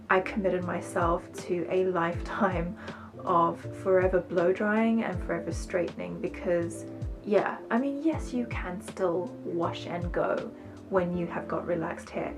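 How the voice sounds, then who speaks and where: With music playing behind her, this woman speaks in a lowish, steady voice at a measured pace. She's a beauty vlogger chatting to camera, casual and rambling, full of self-conscious asides. Her accent is largely British with faint South African and American notes, reflecting a UK birth and teenage years in South Africa.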